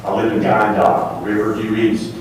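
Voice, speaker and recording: A middle-aged or older man answering a judge as a defendant, halting, deferential and apologetic, recorded in a courtroom. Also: fairly low pitch, little pitch movement. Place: echoey courtroom, distant microphone. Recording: very echoey, distant mic, faint noise.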